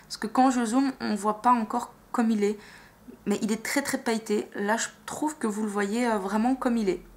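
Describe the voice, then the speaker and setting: A woman's voice: on the high side, steady tone, normal speed, darkish tone. A woman vlogger chatting casually and enthusiastically about her makeup purchases, with lots of fillers and hesitations. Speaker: beauty vlogger. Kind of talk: casual vlog chat.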